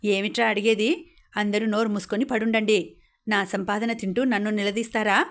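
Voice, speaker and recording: A woman's voice: mid-range voice, fairly even intonation, moderate pace, a bit bright, close to an everyday voice. A woman reading the lines of a stubborn, domineering middle-aged father in a storybook reading, harsh and scolding.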